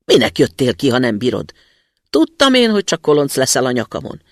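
Grouchy old woodcutter, raised gravelly voice, lively scolding, read by a man. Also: medium pitch, no echo, clean studio sound, exaggerated voice. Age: older.

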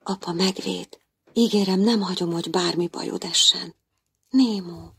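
A woman's voice: rumbling low, fairly even intonation, a little mellow, slightly rough, voice pushed down, full character voice. Pizsi, a woman voicing a worried clownfish dad. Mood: tender. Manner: worried, pleading, calling out. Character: anxious overprotective father clownfish. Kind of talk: storybook reading.

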